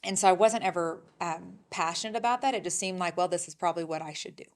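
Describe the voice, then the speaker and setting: A woman from middle America, guesting on an interview show and answering in a relaxed, conversational way with fillers. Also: fairly low pitch, quick pace. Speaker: interview guest, insurance agency owner.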